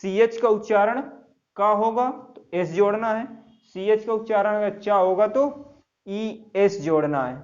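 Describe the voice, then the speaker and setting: A man teaches a grammar lesson at an unhurried, deliberate pace. He spells out each word letter by letter and keeps quizzing the class. The recording is dull and lo-fi. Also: high-pitched, darkish tone. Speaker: English teacher. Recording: dull lo-fi sound.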